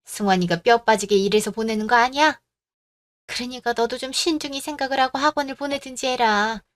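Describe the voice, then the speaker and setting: A woman's voice: a little high, fairly quick, no room sound, natural voice. A woman voicing a bossy older mother-in-law in a radio drama, scolding and giving orders. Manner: scolding, commanding.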